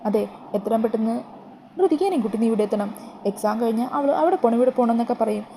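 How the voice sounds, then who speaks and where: Woman voicing scheming older woman, curt, mocking, quick. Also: a little high, animated, mellow, a little hiss or hum. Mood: bossy. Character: bossy scheming middle-aged woman.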